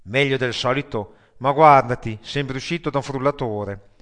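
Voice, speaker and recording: A man doing a loud, foul-mouthed newsagent. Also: mid-range voice, normal speed, natural voice. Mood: joking. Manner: loud, crude banter. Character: foul-mouthed joking male newsagent, rock fan.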